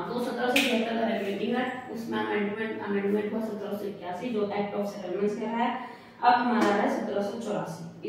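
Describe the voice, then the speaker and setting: A woman's voice: medium pitch, darkish tone, slight background noise. Echoey, distant woman teaching a class. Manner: repetitive, checking in with "ठीक है?". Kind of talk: classroom lecture. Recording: echoey room, voice away from the mic.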